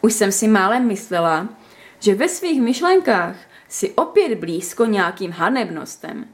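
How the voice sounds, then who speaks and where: A woman reading a story aloud, voicing an excitable, easily offended young woman in a high, indignant voice. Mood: indignant, playful. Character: lively, touchy young woman playing a game.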